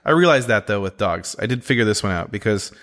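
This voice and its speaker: A man co-hosting a podcast in casual chat, animated and acting out quotes. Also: lowish voice, quick pace. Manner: animated, acts out quotes in his own voice. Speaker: podcast co-host.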